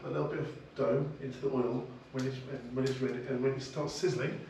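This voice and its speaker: A man's voice: mid-range voice, steady tone, quick pace, a little mellow. A man casually giving a hands-on cooking demonstration, patiently encouraging and repeating his instructions. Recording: very echoey, distant mic, noisy surroundings.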